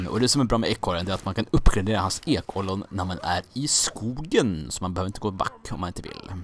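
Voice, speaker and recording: A young man from Sweden casually commenting on his own gameplay, rambling, joking and getting confused, with some mild swearing. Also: low-pitched. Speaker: gaming let's-player.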